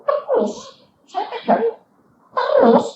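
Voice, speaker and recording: An older man preaching a sermon full of stories, swinging from low asides to high shouted quotes. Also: sing-song, slow, vocal fry, noisy background. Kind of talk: sermon with anecdotes. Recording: dull, echoey hall recording from far off.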